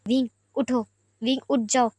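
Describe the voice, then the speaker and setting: Woman doing a soft calm husband in a storybook, coaxing, high and dry. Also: a little slow, no echo. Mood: soothing. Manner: gentle coaxing. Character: calm, caring young husband.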